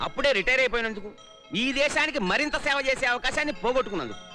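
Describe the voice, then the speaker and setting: An actor playing a proud, strict retired army major who speaks in a stern, clipped, commanding way, in a 1990s film comedy. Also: male voice, very high-pitched, lively intonation, rapid-fire, over music.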